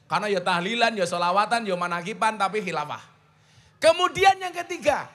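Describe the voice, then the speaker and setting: Javanese-accented male preacher, middle-aged, sermon with rhetorical questions, bright tone. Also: high voice. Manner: emphatic, rhetorical questions, mixes in Javanese asides. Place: outdoor religious gathering.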